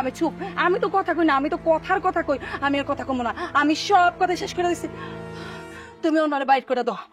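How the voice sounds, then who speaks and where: An actress playing a fiery, quarrelsome young wife who scolds fast and shrill in a Bangladeshi dialect. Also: female voice, close to an everyday voice.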